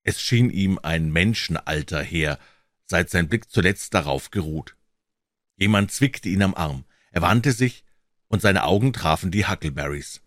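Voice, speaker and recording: A man reading a novel aloud as an audiobook narrator, telling the story in an expressive, dramatic way. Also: sits low, unhurried, no room sound, studio quality.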